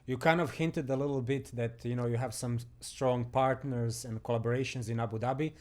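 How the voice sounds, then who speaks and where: A man's voice: mid-range voice, fairly even intonation, brisk. A man from Croatia, hosting a podcast interview in an upbeat, encouraging way. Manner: upbeat and encouraging, laughs along often. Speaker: podcast host. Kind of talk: casual interview chat.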